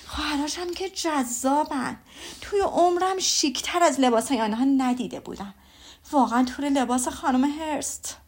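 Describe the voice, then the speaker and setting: A woman reading aloud voices a gossiping middle-aged mother who gushes excitedly. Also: sits high, close to an everyday voice. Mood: gushing. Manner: gushing and breathless.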